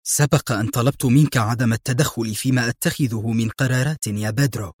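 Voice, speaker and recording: A man voicing a cunning female crime boss, soft-spoken but menacing, in an audiobook reading. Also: medium pitch, brisk, husky, dry recording, clean studio sound, natural voice. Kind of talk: audiobook narration.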